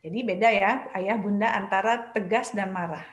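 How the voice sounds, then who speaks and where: A woman's voice: medium pitch, moderate pace. A woman psychologist giving parenting advice, going through her points one by one and speaking straight to the parents. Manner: explains in numbered points, addresses parents directly. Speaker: child psychologist. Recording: echoey room.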